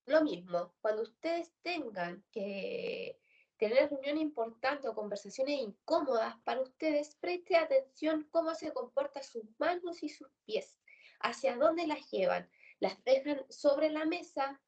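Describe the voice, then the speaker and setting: A woman's voice: sits high, lively intonation, measured pace, a little mellow, far from the mic, dull audio. A woman with a Chilean accent teaching a workshop on job interviews, explaining points and asking and answering her own questions. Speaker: career workshop instructor. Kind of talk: instructional talk.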